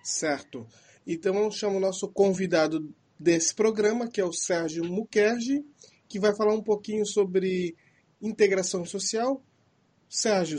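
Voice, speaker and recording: A man's voice: high voice, darkish tone. A man moderating a podcast, opening it with a formal, scripted introduction and calling on the guests. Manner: formal, announcing.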